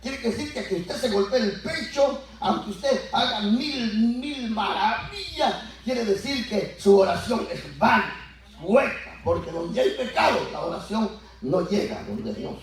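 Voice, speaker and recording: Animated preaching man in an echoey church. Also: sits high, unhurried. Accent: Latin American Spanish. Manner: animated preaching, acts out biblical voices, rising to shouts. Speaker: pastor. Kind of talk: Pentecostal sermon. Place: church sanctuary. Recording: echoey church heard from far off. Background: congregation answering.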